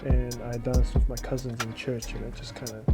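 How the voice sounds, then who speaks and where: A man with a New Zealand accent, chatting casually as a guest, relaxed and laughing often. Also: mid-range voice, a little fast, over loud music. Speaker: dancer guest. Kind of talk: casual chat.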